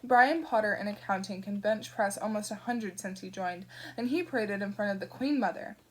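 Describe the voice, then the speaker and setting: A woman's voice: medium pitch, moderate pace, natural voice, poor audio. A woman voicing a timid, awkward young man who speaks tentatively and stammers. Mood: nervous.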